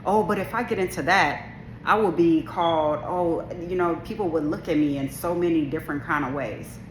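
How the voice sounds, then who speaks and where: Speaking at a moderate pace, this woman, a video creator with a low, deep voice, talks to camera in a forceful, assertive way while rambling through frequent restarts and asides. The casual monologue echoes around the room, with a faint ambient hum underneath.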